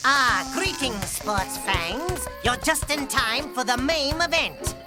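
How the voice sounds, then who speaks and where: A woman's voice: sits high, lively intonation, takes it slowly, over loud music. A woman voicing a gleeful, ghoulish undead cartoon sports announcer in a showy manner. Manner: showy, pun-laden announcing. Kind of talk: cartoon sports commentary parody.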